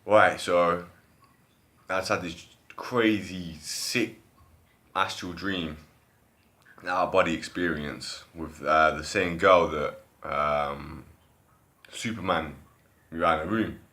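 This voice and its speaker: A man with a deep, low voice tells a story casually from his living room at home. His tone is bright and forceful despite the low pitch. He rambles, repeats himself and restarts his sentences, then drops off into quieter asides. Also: slow, long pauses. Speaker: vlogger recounting a dream.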